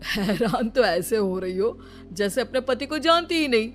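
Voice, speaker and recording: A woman's voice: on the high side, animated, normal speed, lightly acted. A woman voicing a teasing young husband. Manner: playful, then worried pleading. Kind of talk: cartoon dubbing. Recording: faint music behind.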